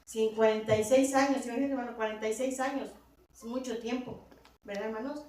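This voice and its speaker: A woman preaches to her congregation with a somewhat high voice, turning to her listeners again and again and building to emphatic peaks. The church hall is very echoey, and she sounds distant from the microphone. A faint noise sits under the recording. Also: fairly even intonation, a little fast, warm tone. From Latin America. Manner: repeats "hermanos" and "verdad" constantly, rising to emphatic peaks. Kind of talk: sermon.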